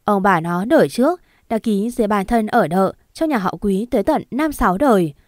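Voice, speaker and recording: A woman's voice: medium pitch, animated, normal speed, dry recording, clean studio sound, natural voice. A woman voicing an elderly family patriarch who hands down a grave judgement.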